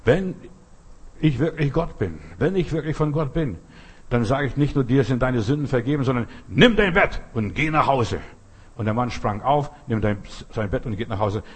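A man preaching a sermon, emphatic and repetitive, building to loud outbursts. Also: mid-range voice, moderate pace, slightly rough.

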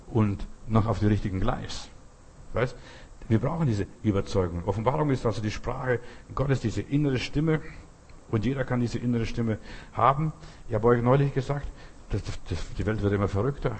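A man preaching a sermon, emphatic and repetitive, building to loud outbursts. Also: mid-range voice, moderate pace, a little hiss or hum.

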